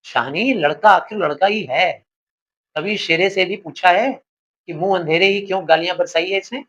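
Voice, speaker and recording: A man reading the lines of a sharp-tongued young village wife who answers back. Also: high voice, normal speed, muffled recording. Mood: retorting. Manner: sharp, retorting delivery.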